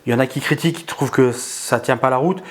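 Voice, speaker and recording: A man talks through a hands-on product review in a relaxed, unscripted way. He hesitates often, restarts phrases and fills pauses with drawn-out filler sounds. His pitch sits in an ordinary middle range. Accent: non-native in English words.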